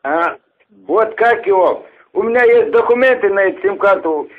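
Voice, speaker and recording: A man from Dagestan with a Dagestani accent, calling in with halting, hesitant, naive questions. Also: high voice, animated. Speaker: caller. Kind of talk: phone call. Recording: tinny narrow-band phone line.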